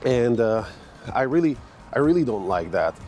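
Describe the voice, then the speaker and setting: This Hungarian fitness vlogger in his 40s has a warm, mid-range, sing-song voice at an ordinary pace, with faint music behind him. He's filming a casual walking vlog in an outdoor park in the morning, chatting with many fillers and restarts.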